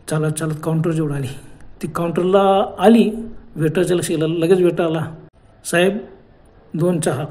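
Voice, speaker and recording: Male horror storyteller, high voice, mellow tone, conversational.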